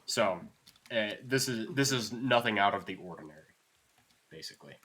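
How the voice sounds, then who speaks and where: A man's voice: on the low side, lively intonation, moderate pace, sharp tone, slightly rough. A man narrating as dungeon master of a tabletop game, casual and loose, swearing now and then.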